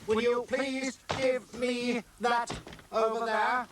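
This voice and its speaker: An actor playing a stiff, bossy male household robot in a children's puppet show, speaking in a jerky, mechanical robot voice that is flat, clipped and commanding. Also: extremely high pitch, takes it slowly, background noise. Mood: insistent.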